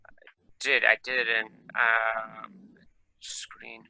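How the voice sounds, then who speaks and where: Over a video call, a man gives a live electronics lecture, talking casually and thinking aloud as he works his screen share. His medium-pitched voice moves at a moderate pace and sounds gravelly, pushed and bright, in a low-quality recording.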